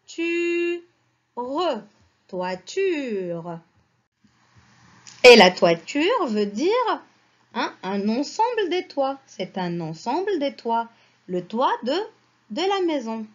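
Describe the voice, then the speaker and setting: Slow sing-song woman teacher. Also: a little high, highs cut off. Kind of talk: reading lesson for young children.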